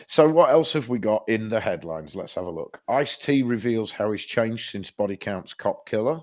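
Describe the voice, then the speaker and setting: Deep-voiced swearing podcast dad. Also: male voice, moderate pace. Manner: sweary, animated storytelling. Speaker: podcast co-host. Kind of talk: casual chat.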